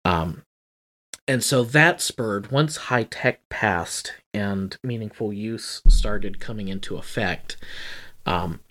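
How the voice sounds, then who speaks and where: Male conversational explainer, somewhat low voice, talkative and wry. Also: slow, sharp tone. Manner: talkative, self-correcting, wry. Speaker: guest explaining healthcare IT.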